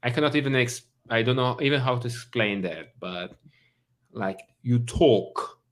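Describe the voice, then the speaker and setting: A man's voice: medium pitch, expressive, measured pace. A man with a Brazilian accent hosting a casual interview, talking loosely, jumping between thoughts and laughing often. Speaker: host.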